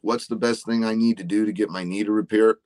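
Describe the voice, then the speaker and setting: Here the forties-aged supplement company guest talks fast in a lowish, slightly mellow voice with fairly even intonation. The studio-quality recording has no echo as he explains health topics in a casual way, frequently asking "right?"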